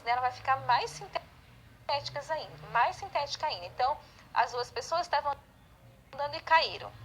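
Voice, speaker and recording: A Brazilian woman with a high, fairly bright voice teaches an online class in Brazilian Portuguese, explaining step by step. She constantly checks in with tags like "tá?" and "né?". The audio is poor, with slight background noise.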